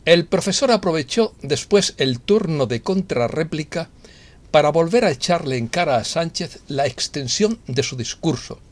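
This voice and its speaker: A man from Spain delivering a scripted opinion monologue in a measured, aphoristic way. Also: a little high, animated. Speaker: opinion vlogger.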